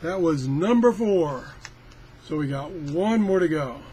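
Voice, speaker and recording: A clearly noisy amateur recording captures an older male product reviewer with a slightly high, mellow voice, lively intonation and a measured pace. He casually demonstrates a product, rambling in a folksy, self-deprecating, grumbling way.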